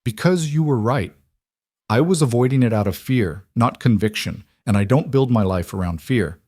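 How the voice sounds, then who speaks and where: A man voicing a determined woman sniper in a story reading, steady and restrained. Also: medium pitch, moderate pace, no echo, studio quality, lightly acted. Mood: resolute.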